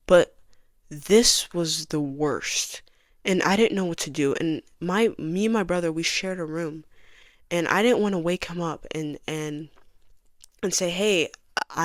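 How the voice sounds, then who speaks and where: A young woman telling her personal story in a soft, halting voice that often sinks to a near whisper. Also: low-pitched, no room sound, clean studio sound. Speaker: vlogger giving a personal testimony.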